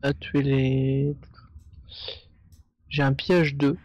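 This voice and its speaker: A man playing a board game with a friend, talking through his moves in a measured, slightly hesitant way. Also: medium pitch, fairly even intonation, a little mellow. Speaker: co-player. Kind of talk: casual game talk.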